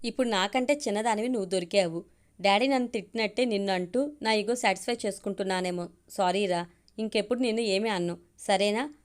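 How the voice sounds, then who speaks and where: A woman's voice: medium pitch, a little fast, smooth, lightly acted. A woman voicing a young man who grumbles and jokes at his younger cousin in a spoken audio story. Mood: soothing.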